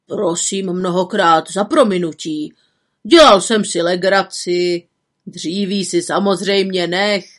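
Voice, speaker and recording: A woman voicing a bossy, gruff male forester in a storybook reading, barking and scolding in a loud voice. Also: fairly low pitch, close to an everyday voice. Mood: bewildered.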